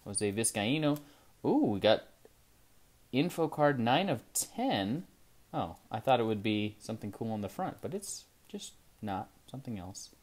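At a desk set up with a card display, a male host of a trading card channel gives relaxed pack-opening commentary while an overhead camera captures just his hands. He speaks unhurriedly at medium pitch, chatty and excited, with sudden bursts of enthusiasm that fade into mumbled asides when he examines the cards.

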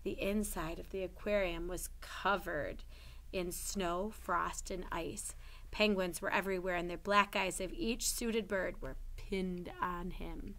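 A woman's voice: on the low side, steady tone, measured pace, fairly bright tone. A woman reading a children's novel aloud chapter by chapter, voicing the characters' lines with expression.

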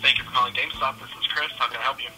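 A man's voice: mid-range voice, fairly even intonation, very fast, loud music behind the voice. A man working in a shop, speaking over a phone line in casual, polite, somewhat hesitant customer-service talk. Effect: telephone. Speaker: retail store employee. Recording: voice heard over phone call.

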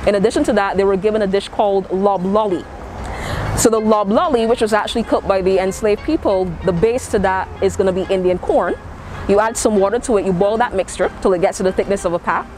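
A woman's voice: medium pitch, fast talker, a little mellow, slight background noise, rough recording. Barbadian woman guide speaking through a face mask. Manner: informative, explaining history step by step. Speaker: food tour guide. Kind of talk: guided tour explanation. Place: outdoors on a city street.

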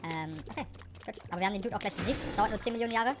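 A woman giving let's play commentary on a game, excitable, shrieking at danger, then dropping to low mutters, with English phrases sprinkled in. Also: very fast, music in the background. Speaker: gaming YouTuber.

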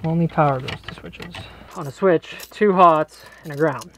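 A man's voice: on the high side, moderate pace, a bit bright, a little hiss or hum. A man explaining electrical work on the job in a cramped basement, in a casual, joking way. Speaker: electrician host. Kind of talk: explaining on-the-job wiring to camera. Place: cramped basement crawl space.

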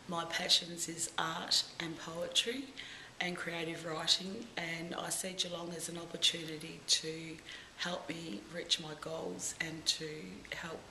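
Bright, flat-toned woman, measured. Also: low voice. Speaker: local resident, writer. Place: indoor room, plain wall. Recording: roomy, faint hiss.

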